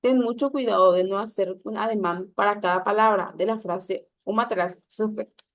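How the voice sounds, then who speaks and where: A woman's voice: mid-range voice, fairly even intonation, normal speed, no room sound. Woman teacher, instructive lesson read aloud with small slips, dry close recording. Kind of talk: reading a public speaking lesson.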